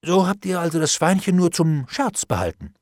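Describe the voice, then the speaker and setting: A man voicing a calm, ironic nobleman in an audiobook, speaking in a low, measured voice with cool menace. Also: no room sound. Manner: calm, dry, ironic, unhurried. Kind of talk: audiobook character reading.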